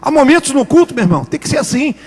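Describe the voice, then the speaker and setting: A pastor preaching a sermon in an emphatic, repetitive, storytelling way, recorded in a church. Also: male voice, very high voice, very animated, very fast, darkish tone, faint music behind. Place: church sanctuary. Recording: long hall reverb in church.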